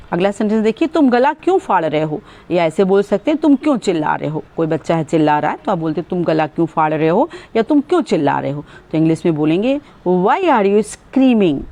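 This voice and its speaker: A woman teaching English sentences in Hindi, explaining with fillers and saying each English sentence very slowly and clearly. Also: on the low side, dark tone.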